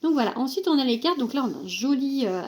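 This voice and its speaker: A woman's voice: high-pitched, expressive, fast talker, darkish tone. A young woman casually presenting an oracle card deck, hesitant with many fillers, reading card texts aloud.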